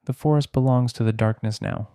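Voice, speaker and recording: A man voices a cold, venomous shadow monster from a storybook forest. It speaks slowly and with menace, in a dark, mellow tone. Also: medium pitch, clear, resonant tone, no echo, studio quality, close to an everyday voice.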